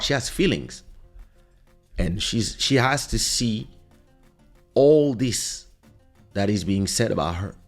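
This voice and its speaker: Here a Congo-born man who grew up in Paris from age seven hosts a podcast in French-accented English. His medium-pitched voice has vocal fry and a fairly bright tone, and his unscripted monologue is reflective and emphatic, with repeated phrases for stress.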